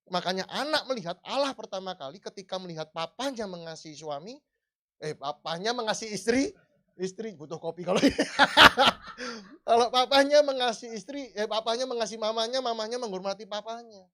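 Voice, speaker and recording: Lively conversational male preacher. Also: sits high, fast. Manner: lively, conversational, with rising emphasis. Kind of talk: sermon. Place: church hall.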